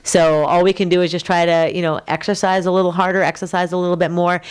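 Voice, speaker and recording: Lower-voiced woman explaining health matters. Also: level tone, fast, clear, resonant tone. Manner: explanatory, repeats phrases for emphasis. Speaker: podcast co-host. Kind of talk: casual chat.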